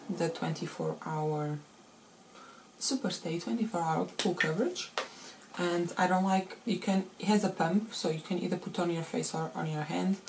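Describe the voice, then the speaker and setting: A beauty vlogger with a lowish voice gives a casual, chatty makeup tutorial. Her voice is slightly rusty, the unused sound of early morning, and there's background noise.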